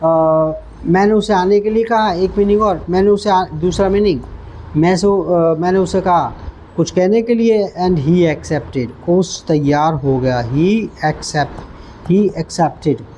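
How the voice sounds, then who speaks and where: Slow, mellow-voiced male English teacher. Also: high-pitched, slight background noise, low-quality recording. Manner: slow, repetitive, stops to quiz the listener. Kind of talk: vocabulary lesson.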